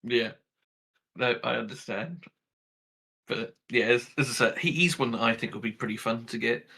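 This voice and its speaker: A man talks as a guest on a live game stream, friendly and quick to agree with his co-host. His voice has a bright, somewhat tense edge at a middle pitch. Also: vocal fry, husky. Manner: friendly, agreeable, laughs often. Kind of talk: casual chat while gaming.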